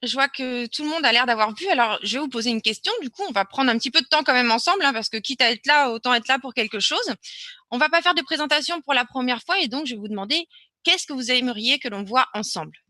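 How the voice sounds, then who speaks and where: A woman with a high, bright voice runs a live online webinar, chatting loosely and often stopping to restart her sentences. Her voice comes through a computer microphone, close and dry with no room sound. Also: expressive, fast talker, no echo. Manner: chatty, hesitant with many fillers and restarts. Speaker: webinar presenter. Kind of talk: live webinar Q&A, casual explaining.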